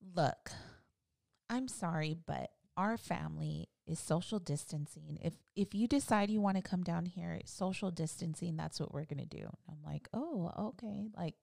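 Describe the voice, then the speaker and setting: Woman in her 30s, a mom, gravelly voice, acts out the quotes in a casual story, dry close sound. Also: on the low side, normal speed, darkish tone, no room sound. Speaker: co-host, wife and mother. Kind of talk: casual chat.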